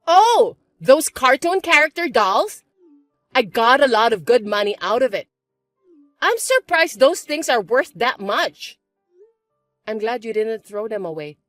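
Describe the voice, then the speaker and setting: A woman voicing a spiteful, bossy young stepsister who talks in a shrill, mocking, shouty way. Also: sing-song, a little slow, no echo, soft background music. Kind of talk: chat-story voice acting.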